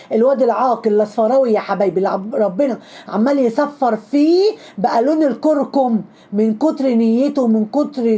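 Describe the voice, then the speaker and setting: A woman with an Egyptian accent rattles off gossip commentary at a rapid clip. Her voice sits a little high but mellow. She is sarcastic and mocking throughout. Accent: Egyptian Arabic.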